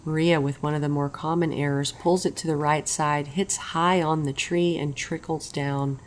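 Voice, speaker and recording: A woman's voice: deep voice, steady tone, normal speed, a little hiss or hum. A woman commentating on a disc golf tournament in a golf commentator's style, describing play over footage. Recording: music behind the voice. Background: background music.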